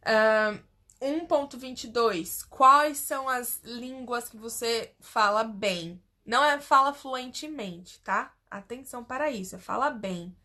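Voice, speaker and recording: A young Brazilian woman with a Brazilian Portuguese accent speaks slowly in a slightly high, bright, pushed voice. Hosting a phone livestream, she chats casually while explaining a form step by step.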